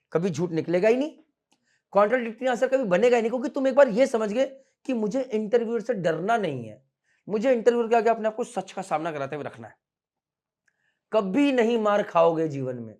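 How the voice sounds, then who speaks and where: A man's voice: sits high, darkish tone. A man in his thirties coaching students for interviews, blunt and scolding, switching between Hindi and English. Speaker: merchant navy interview coach. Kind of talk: coaching talk to camera. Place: room with students standing behind.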